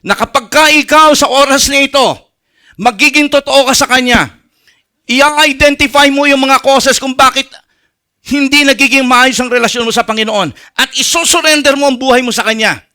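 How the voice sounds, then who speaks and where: High-pitched pastor preaching. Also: male voice, normal speed. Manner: swings between loud emphatic lines and hushed low ones; preaches with repeated restarts and rhetorical questions. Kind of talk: sermon mixing Tagalog and English.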